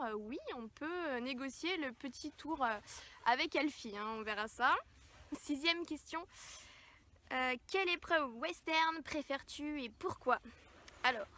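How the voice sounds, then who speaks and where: Woman vlogger rambling through viewer questions, lots of little pauses, slightly high voice. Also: a bit bright, slight background noise. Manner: hesitant, many filler pauses. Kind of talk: casual chat. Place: near horses at a stable.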